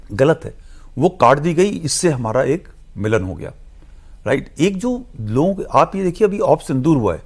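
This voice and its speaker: A man with a gravelly, creaky voice at an ordinary middle pitch, talking as a studio guest analyst. He explains earnestly and with emphasis, dropping English phrases into his sentences. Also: darkish tone.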